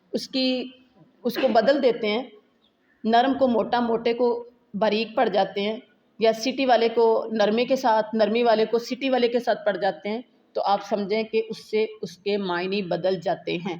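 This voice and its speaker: A woman's voice: on the high side, a little mellow. A woman with a Pakistani Urdu accent, a Quran recitation teacher, patiently explaining letters step by step and drawing each sound out for students to copy. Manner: repeats Arabic letters slowly for students to copy. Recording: dull lo-fi sound.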